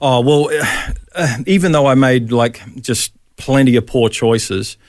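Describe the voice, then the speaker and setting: A man's voice: medium pitch, slow pace, dry recording, clean studio sound. A middle-aged Australian man, a pastor, telling his faith story in a casual interview, with many ums and restarts.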